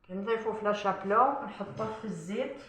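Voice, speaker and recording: A woman's voice: mid-range voice, fast talker, reverberant, rough recording. A woman with an Algerian Arabic accent, a chef walking viewers through a recipe step by step while cooking and often saying "voilà".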